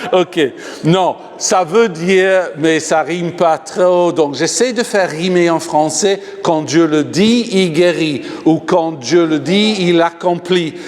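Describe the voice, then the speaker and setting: English-accented guy preaching at a healing night, slow, laughs a lot, big church reverb. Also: on the high side. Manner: jokey, laughs often, asks the crowd for raised hands. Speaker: guest healing minister. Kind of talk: animated healing-service preaching. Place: large church hall. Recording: long hall reverb.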